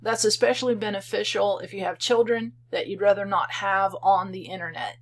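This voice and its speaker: Calm woman walking through a software tutorial. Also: medium pitch, a little fast. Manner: calm, step-by-step explaining. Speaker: software creator demonstrating her program. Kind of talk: screen-recorded software tutorial.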